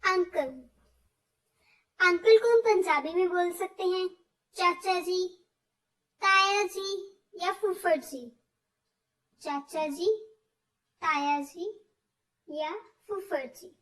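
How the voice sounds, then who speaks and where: A woman teaching word lists, slowly repeating each word with stress. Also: very high voice, fairly bright tone. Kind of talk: explaining vocabulary, slow and repetitive. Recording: voice from far off the mic.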